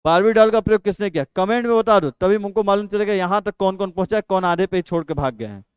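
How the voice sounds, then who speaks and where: High, crisp-voiced man quizzing students. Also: fast talker, dry recording. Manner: quizzing, repeats questions and answers them himself. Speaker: teacher. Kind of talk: exam practice lesson.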